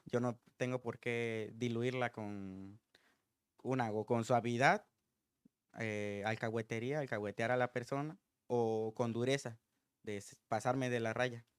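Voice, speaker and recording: A man's voice: mid-range voice, steady tone, unhurried, clean tone, dry recording, clean studio sound. A man preaching an informal sermon in an earnest, thinking-aloud way.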